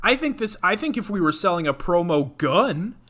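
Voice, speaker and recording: A young man co-hosting a podcast, telling a story in casual chat, animated and swearing often. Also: sits high, normal speed. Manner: animated, swears a lot, acts out quoted voices. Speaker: podcast co-host.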